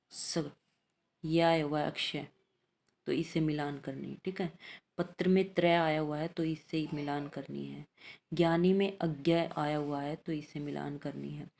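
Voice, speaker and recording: A woman's voice: sits low, gravelly, darkish tone. A woman teaching an elementary language lesson, patiently reading out letters and exercises and checking in after each point.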